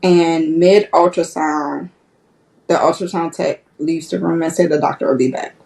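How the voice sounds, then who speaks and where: Nurse lady telling her story on a podcast, lowish voice, kinda distant from the mic, acts out the convos. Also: steady tone, moderate pace, vocal fry, warm tone. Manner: candid storytelling, acting out past conversations. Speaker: podcast guest, registered nurse. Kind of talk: personal story told in an interview.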